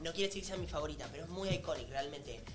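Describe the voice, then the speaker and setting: A man's voice: a little high, music in the background. A young man with a Rioplatense accent, chatting playfully about films on a panel stream. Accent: Rioplatense Spanish. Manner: playful, drawn-out film chatter. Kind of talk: casual group chat.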